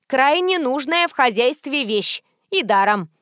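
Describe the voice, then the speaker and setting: A rude young cashier as a woman reader plays her snaps out short, loud retorts in a raised voice. The audiobook sound is close and dry. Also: high-pitched, expressive, measured pace, no room sound. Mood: snappy. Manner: snappy, sharp and loud.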